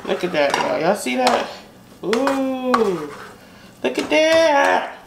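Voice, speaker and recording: Her high-pitched, creaky voice swings widely in pitch and moves slowly as this American home cook vlogger chats casually over the stove, thinking out loud unscripted. The home kitchen is echoey, with noisy sizzling, clicks, and stirring behind her.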